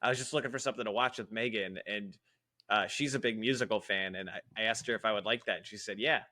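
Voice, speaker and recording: A man co-hosting a casual podcast chat, animated and prone to breaking into sung impressions. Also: lowish voice, fast. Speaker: podcast co-host.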